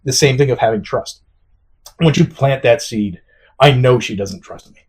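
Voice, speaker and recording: A man talks openly in a relaxed chat, his voice husky and a little breathy at a middling pitch. He stops and restarts often, padding his thoughts with fillers, and has a dry, sarcastic streak. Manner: halting, frequent restarts and fillers; self-described sarcastic. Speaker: podcast host. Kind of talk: candid casual chat.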